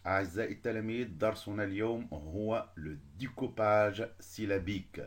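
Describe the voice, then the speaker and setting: A man with an Algerian accent teaching a beginners' French lesson, switching between French and Algerian Arabic and drawing out syllables slowly. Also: fairly low pitch.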